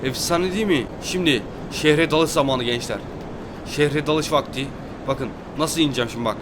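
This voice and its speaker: A man's voice: a little high, moderate pace, background noise. A young man giving hyped, exclamatory commentary over gameplay, talking straight to his viewers. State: fasting. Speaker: gaming YouTuber.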